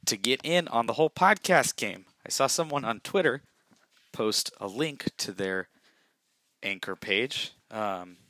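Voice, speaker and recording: A man's voice: mid-range voice, animated, a little slow, bright, forceful tone, no room sound. Rambling young man on a headset mic. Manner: rambling, self-deprecating. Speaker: podcast host. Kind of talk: casual solo podcast chat. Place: bathroom. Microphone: gaming headset mic.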